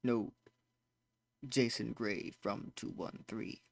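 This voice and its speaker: A man's voice: fairly low pitch, slow pace, gravelly, full character voice. A man voicing a damaged robot that glitches, stutters and repeats words in clipped machine phrasing. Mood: glitching monotone. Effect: glitching robot voice, words breaking and repeating.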